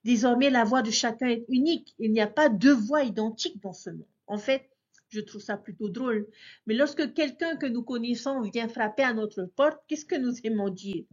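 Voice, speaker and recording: Earnest woman leading a devotional lesson; a slightly husky voice, a dull recording. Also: a little high, moderate pace. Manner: earnest, addresses listeners as brothers and sisters. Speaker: scripture study teacher.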